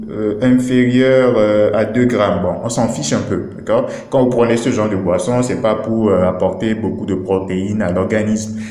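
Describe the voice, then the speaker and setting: Man, low dark voice, hesitant, lots of fillers, echoey room. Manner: hesitant, many fillers, checks in with "d'accord?". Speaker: doctor explaining nutrition labels. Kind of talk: casual explanatory video talk.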